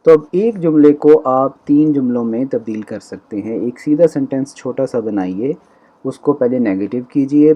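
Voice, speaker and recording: A male language teacher giving a recorded lecture, explaining step by step and slowly repeating example sentences. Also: mid-range voice, highs cut off.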